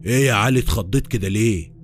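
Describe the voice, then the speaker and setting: A man voicing an older, kindly but stern army sergeant, in an Egyptian Arabic accent and a calm, plain way of talking. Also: fairly low pitch, rapid-fire, soft background music, close to an everyday voice. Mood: fatherly.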